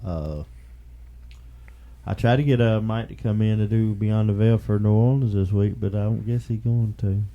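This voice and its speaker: A man hosting a podcast in casual chat, with a relaxed Southern drawl, rambling and quick to laugh. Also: dull audio. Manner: laid-back, laughs easily, rambling pitches for support. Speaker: podcast host.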